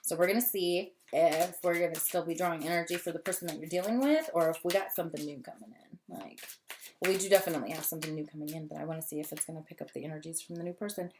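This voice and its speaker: A woman's voice: low voice, fast talker, background noise. Chatty, gushing woman reading tarot. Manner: chatty, gushing, long-winded, easily excited. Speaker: tarot reader. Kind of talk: casual tarot reading to camera. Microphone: camera.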